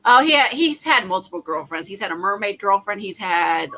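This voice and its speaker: A woman's voice: medium pitch, moderate pace, pushed and bright, poor audio. A woman hosting a casual livestream watch party, chatting animatedly and laughing often. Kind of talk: casual group chat on a livestream.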